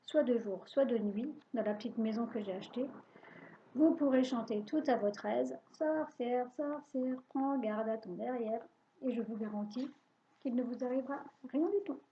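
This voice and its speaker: A woman telling a children's story in the first person, lively and expressive, on a dull lo-fi recording. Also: on the high side, moderate pace, slight background noise.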